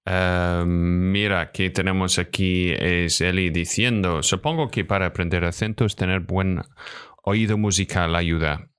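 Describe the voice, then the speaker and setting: A man co-hosting a live stream about acting, answering viewer comments in a halting way with frequent "sabes?" fillers and slightly non-native phrasing. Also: sits low, steady tone, a bit bright, clean tone. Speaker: co-host and voice actor.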